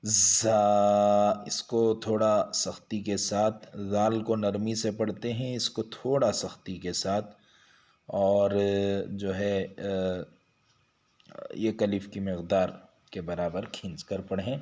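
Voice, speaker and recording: A man's voice: fairly low pitch, fairly even intonation, darkish tone. Patient male Quran teacher drawing syllables out. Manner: stretches each syllable slowly and patiently, explaining pronunciation. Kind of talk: slow drawn-out recitation lesson.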